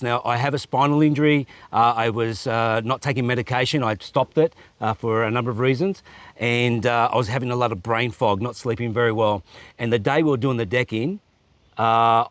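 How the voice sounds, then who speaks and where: A man's voice: mid-range voice, fairly bright tone, dry recording. A man hosting a casual vlog, talking to friends and to the camera. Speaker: host.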